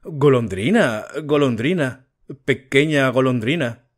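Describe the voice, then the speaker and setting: A man voicing a generous, sorrowful male prince statue in an audiobook reading, speaking gently and solemnly. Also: medium pitch, animated, slow. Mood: sorrowful gentle.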